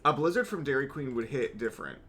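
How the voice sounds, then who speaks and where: A man's voice: mid-range voice, big pitch swings, quick pace, fairly bright tone, slight background noise. A young man streaming a game, rambling wryly with swearing asides as he plays. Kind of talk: casual gameplay commentary.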